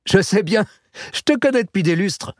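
A man doing a hearty retired cook, raised and bright. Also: high voice, animated, moderate pace, no echo, clean studio sound, pitched above the performer's own voice. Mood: teasing. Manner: hearty, teasing. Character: retired older male cook, warm teasing friend.

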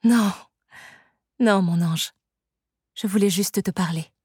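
A woman voicing a stern, sorrowful sorceress who cares for an orphan girl, speaking calmly and firmly in an audiobook. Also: medium pitch, takes it slowly, slightly rough, no echo, studio quality. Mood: gentle. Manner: calm, firm, soft-spoken. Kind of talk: audiobook reading.

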